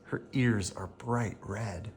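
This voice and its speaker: With a medium pitch, the storyteller reads a children's picture book out loud, deliberate yet animated, in a bedtime manner.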